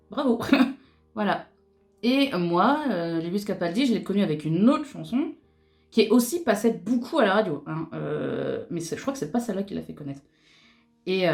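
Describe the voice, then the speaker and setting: A woman's voice: fairly low pitch, darkish tone. A young woman chatting casually and laughing as she does her makeup for a vlog, with lots of fillers and restarts. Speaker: beauty vlogger. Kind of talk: casual chat while doing makeup.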